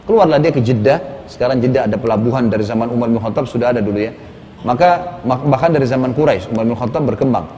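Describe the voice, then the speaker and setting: A male preacher telling a story in a sermon, lively and conversational, with casual asides to his listeners. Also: medium pitch, quick pace. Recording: reverberant hall, faint background noise.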